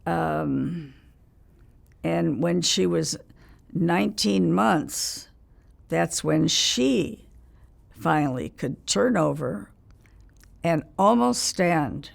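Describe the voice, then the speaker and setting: Very old woman, slow gravelly voice. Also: fairly low pitch, expressive. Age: 90s. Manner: halting, pausing mid-sentence between short phrases. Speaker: interviewee. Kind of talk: reminiscing in a casual interview.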